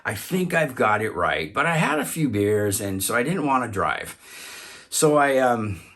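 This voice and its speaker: A man telling a personal story, halting often to repeat and restart his words. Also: mid-range voice, big pitch swings, a bit bright.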